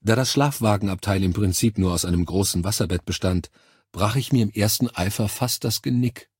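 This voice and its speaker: A male narrator reading a first-person science fiction audiobook in a calm, measured way. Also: fairly low pitch, husky, no room sound, studio quality.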